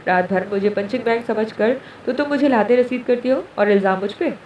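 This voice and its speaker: A woman's voice: a little high, brisk, darkish tone, a little hiss or hum, lightly acted. Bantering proud young husband, voiced by a woman reader, fond and cheeky; roomy, distant sound. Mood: bickering. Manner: bantering, affectionate. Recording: echoey room, distant mic.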